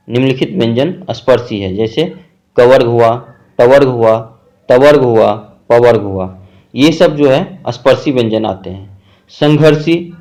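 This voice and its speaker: Male teacher, unhurried and methodical, walks through examples item by item. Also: mid-range voice, a little mellow. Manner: slow, methodical explaining with frequent "theek hai" check-ins; lists examples one by one. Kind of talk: grammar lesson.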